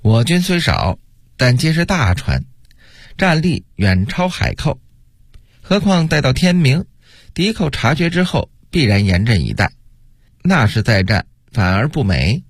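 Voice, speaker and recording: A male storyteller voicing a confident fleet admiral who gives orders in a calm, decisive way. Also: mid-range voice, moderate pace, slightly rough, dry recording, clean studio sound. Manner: self-assured, decisive.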